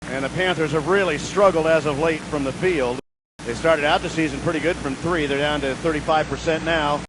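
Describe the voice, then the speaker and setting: A man with a rather high voice calls college basketball play-by-play, firing off the action in quick, clipped phrases. His broadcast is thick with arena noise. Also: steady tone. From Midwest US. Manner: rapid, clipped play calling. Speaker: play-by-play announcer.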